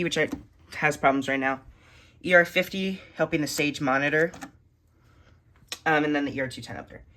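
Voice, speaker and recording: Indoors in a room lined with shelves of electronics, a hobbyist collector casually shows off his radio collection item by item, narrating in a halting, list-like way. His voice is medium-pitched, bright and forceful, recorded on a handheld phone held behind the camera, with a little hiss or hum.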